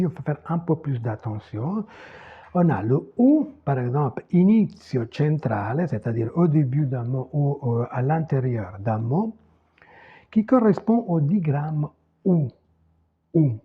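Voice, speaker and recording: A man teaching a language lesson at a board, slow and methodical, repeating example words. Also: a little high, expressive, breathy edge. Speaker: Italian teacher. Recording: tinny phone-like sound.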